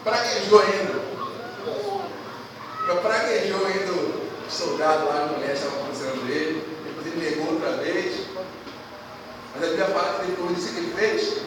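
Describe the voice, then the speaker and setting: High-voiced man preaching in an echoey hall. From Brazil. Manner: emphatic, asks the congregation questions and quotes scripture. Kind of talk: sermon. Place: church hall. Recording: echoey church hall from far off, noisy.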